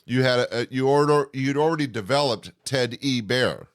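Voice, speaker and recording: A man's voice: mid-range voice, moderate pace, dry recording, studio quality. A man hosting a conversational podcast interview in an effusive, complimentary manner.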